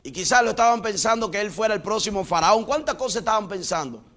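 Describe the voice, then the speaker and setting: A middle-aged male pastor preaching a sermon, telling a personal testimony and swinging between loud exclamations and hushed lows. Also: expressive, quick pace. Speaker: pastor and missionary.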